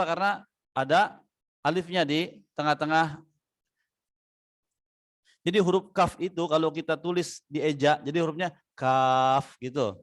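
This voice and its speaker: A man teaching tajwid in a relaxed, conversational way. He fills his talk with "ya", quizzes his students and drawls out the letters he is teaching. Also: a little high. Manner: explains step by step, asks students questions, many "ya" fillers. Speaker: Quran recitation teacher. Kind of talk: casual tajwid lesson with chanted examples. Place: online class or recorded study session.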